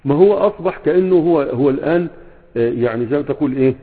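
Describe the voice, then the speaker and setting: Husky, fast-talking Egyptian sheikh teaching. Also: male voice, a little high. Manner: fills gaps with quiz-like questions and checks the students often. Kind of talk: classroom lesson. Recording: tinny phone-like sound in a reverberant hall.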